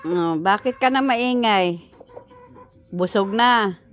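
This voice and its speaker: Soft music plays in the background as a Filipino-accented woman with a mid-range voice talks casually to her pet chickens and the camera on a patio lawn. She's slow, warm, and chatty, laughing and using coaxing baby talk, filmed on a handheld phone aimed down.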